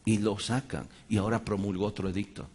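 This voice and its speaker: Husky-voiced man preaching emphatically. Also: lowish voice, flat delivery, fairly quick, a little mellow. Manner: emphatic, dramatizes Bible stories with quoted voices. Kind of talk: sermon.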